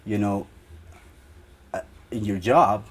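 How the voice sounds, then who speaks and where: A man's voice: fairly low pitch, takes it slowly, slightly rough. A young man from Ecuador, a band guitarist, answering interview questions in a rambling way with many fillers.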